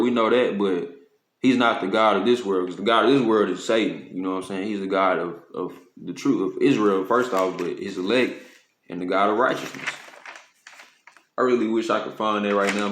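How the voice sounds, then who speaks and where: A man preaching informally to a camera in street slang, with profanity, often asking "you know what I'm saying," and slowing down to read scripture. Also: lowish voice, fairly bright tone, echoey room. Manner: slows to read scripture aloud. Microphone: phone or camera.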